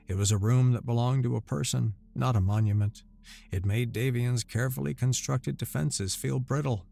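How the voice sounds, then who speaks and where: Gravelly man narrating a sci-fi story. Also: medium pitch. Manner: steady storytelling delivery. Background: faint music.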